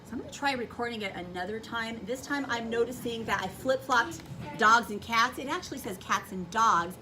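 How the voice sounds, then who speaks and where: Over music, a woman teacher with a slightly high voice speaks fairly quickly to children, thinking aloud through each step of a demonstration. A distant microphone captures the noisy classroom, including room noise and the children's voices.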